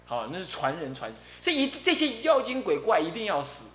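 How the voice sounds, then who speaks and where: A man's voice: high voice, wildly swooping pitch, moderate pace, a bit bright, heavily acted. A man voicing a boastful, fiery woman qigong master who scolds and curses, recorded in an echoey room. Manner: scolding, cursing at the air. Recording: echoey room, faint hum.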